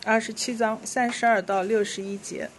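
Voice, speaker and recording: A woman leading a church service, reading scripture aloud verse by verse in a steady, clear voice. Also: fairly high pitch, moderate pace, a little hiss or hum. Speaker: worship leader.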